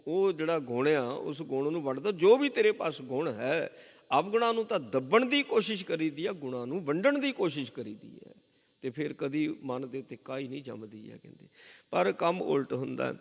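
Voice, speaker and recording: A man's voice: a little high, vocal fry. A man with a Punjabi accent giving a Sikh scripture sermon, explaining verses with repeated phrases and chanted quotations. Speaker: Sikh preacher giving katha. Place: gurdwara hall. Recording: long hall reverb.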